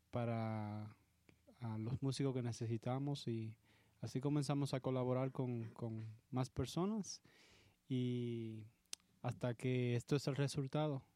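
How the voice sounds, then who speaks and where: Mellow slow-talking man from the Dominican Republic. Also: mid-range voice, dry recording. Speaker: percussionist and backing singer. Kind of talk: casual interview.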